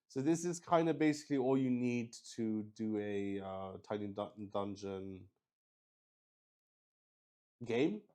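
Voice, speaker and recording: A man with a fairly low, darkish, clean-toned voice hosts a solo tabletop game stream. His casual, unscripted livestream chat rambles and often restarts sentences.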